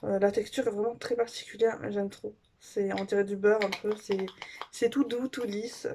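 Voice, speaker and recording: A woman beauty vlogger chatting casually through a makeup haul review, gushing and filling pauses with little fillers. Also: medium pitch, steady tone, background noise.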